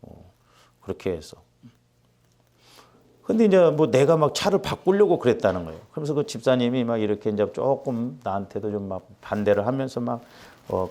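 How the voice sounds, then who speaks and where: A middle-aged man preaching as a pastor, telling a personal story and acting out the quotes. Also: mid-range voice. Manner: animated, acts out quotes with rising intensity. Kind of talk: sermon with storytelling.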